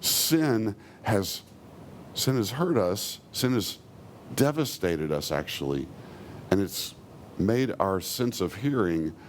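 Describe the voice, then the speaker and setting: A man preaching a sermon, earnestly, slowing down and softening when he quotes God's words. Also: on the low side, a little hiss or hum. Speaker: pastor.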